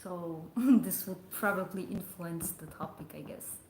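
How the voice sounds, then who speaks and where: A woman's voice: fairly low pitch, measured pace, darkish tone, a little hiss or hum. A young adult woman chatting casually on a livestream, rambling and hesitant with lots of fillers. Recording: echoey room.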